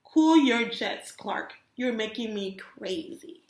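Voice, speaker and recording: A woman's voice: fairly high pitch, animated, slow pace, reverberant. A woman voicing an exasperated young male mackerel in a storybook, blunt and complaining.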